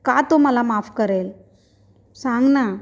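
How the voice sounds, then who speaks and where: A woman's voice: a little high, slow, highs cut off. A woman reading a story aloud, voicing a distraught young woman who pleads and talks desperately. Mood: pleading.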